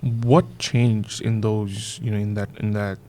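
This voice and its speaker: A man's voice: lowish voice, little pitch movement, a little slow, warm tone. A man hosting a podcast, asking long, casual questions padded with "you know" and "like". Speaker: podcast host. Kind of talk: podcast interview.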